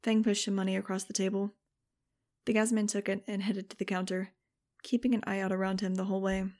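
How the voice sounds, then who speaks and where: Woman audiobook narrator, level delivery with little pitch movement. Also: a little fast. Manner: steady, even storytelling. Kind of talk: scripted narration.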